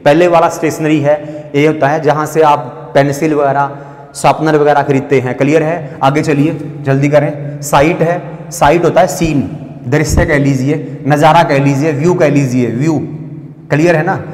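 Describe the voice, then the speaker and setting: A male teacher giving an exam-prep vocabulary lesson, explaining each word, spelling it letter by letter and asking students if it is clear. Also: on the high side, fairly even intonation, normal speed, a little mellow. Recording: echoey classroom with long reverb.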